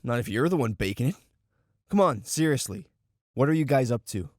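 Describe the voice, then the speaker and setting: A man's voice: mid-range voice, animated, a little fast, no room sound, studio quality, lightly acted. An actor playing a sarcastic, jokey young male newcomer agent in an audio drama. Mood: wry.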